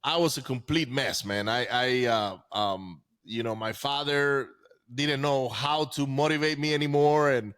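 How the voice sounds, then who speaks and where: A Venezuelan-raised man in his forties tells his life story as a podcast guest, speaking casually and haltingly with frequent restarts and repeated words. His mid-range voice is clean and slightly bright.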